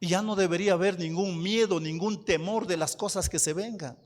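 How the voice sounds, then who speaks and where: Man, pastor, sermon, high pitch, unhurried emphatic delivery, echoing church hall. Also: fairly even intonation. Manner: slow, emphatic preaching with rhetorical questions.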